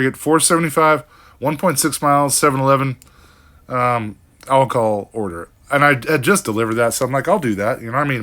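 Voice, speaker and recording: Rambling bright-voiced older man vlogging. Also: medium pitch. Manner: rambling, frank, with frequent fillers and mild cursing. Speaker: delivery driver vlogger. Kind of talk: casual vlog recap.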